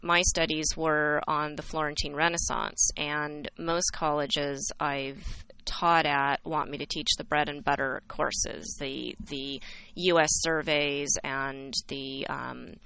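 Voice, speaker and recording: A woman's voice: sits low, flat delivery, takes it slowly, creaky, pushed and bright, slight background noise, low-quality recording. A woman from California, a history instructor answering interview questions in an earnest, reflective way.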